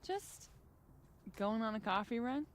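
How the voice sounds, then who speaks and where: A woman's voice: on the high side, animated, a little slow, a little hiss or hum. An actress playing a breezy, teasing young woman in a video game.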